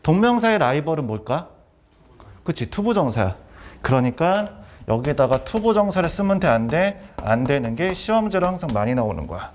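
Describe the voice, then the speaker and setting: A middle-aged man lecturing on vocabulary and grammar, repeating key terms and quizzing students with quick questions. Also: on the high side, big pitch swings. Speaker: academy director teaching vocabulary.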